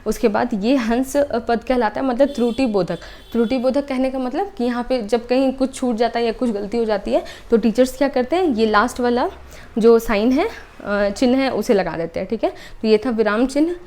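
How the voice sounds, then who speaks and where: A young woman teaches an online exam-prep class in a fairly high voice. She takes each point step by step and repeats the key ideas. She keeps checking in with short "okay"s as she goes. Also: normal speed, darkish tone. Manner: explains step by step, repeats points, often adds "ठीक है".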